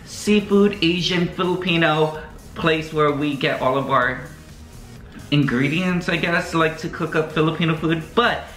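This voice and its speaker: A vlogger hosts a casual, chatty video, joking with his viewers and saying "um" a lot. His voice is a little high and fairly bright at a measured pace, recorded in an echoey room with faint music.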